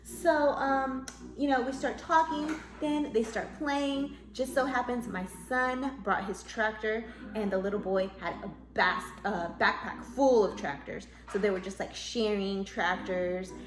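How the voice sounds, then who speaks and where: Chatty mom vlogger in an echoey room. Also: female voice, unhurried. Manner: lively, acts out quoted dialogue in a higher voice. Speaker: mom vlogger giving parenting tips. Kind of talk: casual chatty storytelling to camera.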